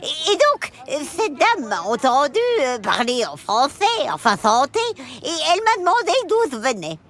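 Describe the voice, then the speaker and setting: A woman's voice: high-pitched, huge pitch swings, moderate pace, a bit bright, heavily acted. A woman voicing a cheerful, giggly female elf who tells stories to children, exclaiming often and hesitating with many fillers. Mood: excited. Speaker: children's storyteller. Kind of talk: children's story narration.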